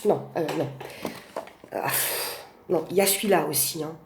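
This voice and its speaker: A woman with a Portuguese accent speaks French in a casual vlog, reviewing oracle cards and gushing over them with many fillers and restarts. Her voice is low-pitched at a moderate pace, and the roomy home recording has faint background noise.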